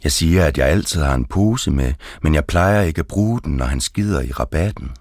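A man reading his poetry aloud, slow and deliberate. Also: rumbling low, expressive, a little mellow, no echo, studio quality.

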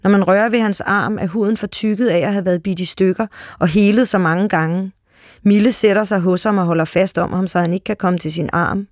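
A reader narrating a literary short story aloud in a calm, steady way. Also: medium pitch, no echo, studio quality.

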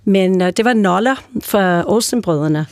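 An older American woman, a native English speaker, chats casually as a guest and tells stories, with lots of fillers and restarts. Her voice is medium-pitched, and the recording is studio quality with no echo.

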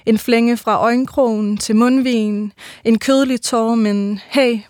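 A woman giving a measured, rhythmic reading of her own first-person literary prose. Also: on the high side, steady tone, darkish tone.

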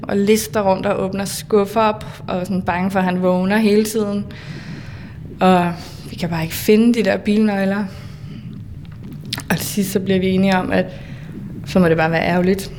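A woman telling a personal story for radio in a measured, plain way with small hesitations. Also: medium pitch, fairly even intonation, darkish tone, a little hiss or hum. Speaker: storyteller recounting a hitchhiking trip. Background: faint music under the voice.

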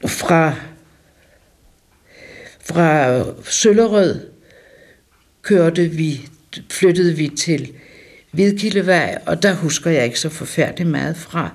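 An older woman reminiscing about her childhood, pausing and correcting herself as she talks. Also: low-pitched, lively intonation, darkish tone. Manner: halting, correcting herself mid-sentence. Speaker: storyteller recalling childhood. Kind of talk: casual reminiscing.

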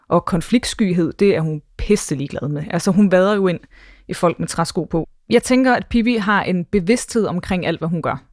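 A woman's voice: fairly low pitch, darkish tone, no echo. Woman, stand-up comedian, articulate, dry close mic. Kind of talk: interview explanation.

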